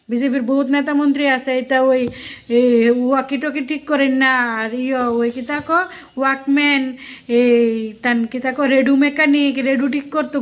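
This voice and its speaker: A woman delivering a sarcastic political rant full of rhetorical questions. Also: sits high. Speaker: political vlogger. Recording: dull lo-fi audio.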